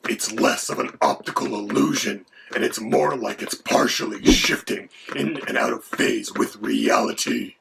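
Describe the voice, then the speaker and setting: A man doing a gravelly whispering dragon. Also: medium pitch, a little slow, few pauses. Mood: matter-of-fact. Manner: mock-menacing, then lecturing in turn with the host. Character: gravelly menacing male dragon, co-host. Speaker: co-host. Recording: background noise.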